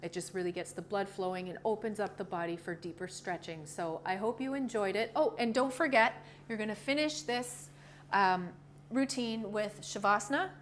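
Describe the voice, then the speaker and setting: A woman leading a yoga class with short, calm cues in a gentle, encouraging, informal way. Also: mid-range voice, normal speed. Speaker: yoga instructor. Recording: clearly noisy ambient background.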